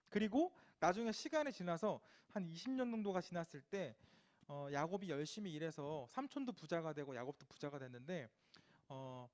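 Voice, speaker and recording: Youth pastor, male, high and lively voice, storytelling sermon. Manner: animated, conversational, asks rhetorical questions.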